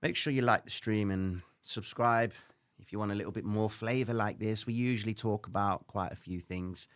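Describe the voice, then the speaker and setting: This man speaks Cypriot English at a normal speed with a clean tone while hosting a live trading stream and reading viewer comments. Casual and direct, he often checks in with "all right?" and lets slip an occasional swear. He shifts back and forth between energetic, loud lecturing and quiet mumbled asides.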